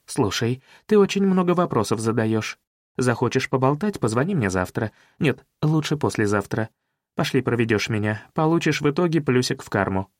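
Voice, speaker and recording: Man voicing a low, teasing young woman detective. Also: lively intonation, normal speed, no echo, clean studio sound, natural voice. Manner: teasing, bossy. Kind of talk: audiobook character voice.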